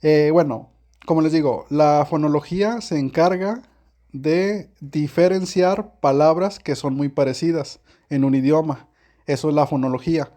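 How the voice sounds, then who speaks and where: Chatty teacher with a mellow voice. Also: male voice, on the high side, normal speed. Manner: chatty, many fillers and soft laughs. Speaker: English teacher. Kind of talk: casual video lesson.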